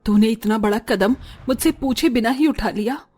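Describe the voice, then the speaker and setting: A woman's voice: fairly high pitch, normal speed, warm tone, breathy edge, faint music behind. A woman voicing a haughty middle-aged mother in a cartoon story, speaking in a cold, dismissive way. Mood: stern.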